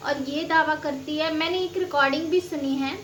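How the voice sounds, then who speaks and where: High-voiced woman vlogging in a roomy space. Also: steady tone, normal speed, fairly bright tone. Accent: Madhya Pradesh Hindi. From Madhya Pradesh, India. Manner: chatty, repeats "theek hai" and "yaar". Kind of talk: casual opinion vlog. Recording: slightly dull, roomy, faint hiss.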